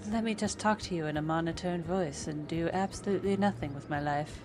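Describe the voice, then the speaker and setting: Casual, sarcastic gameplay streamer; mid pitch, music under. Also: a little fast. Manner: chatty, sarcastic.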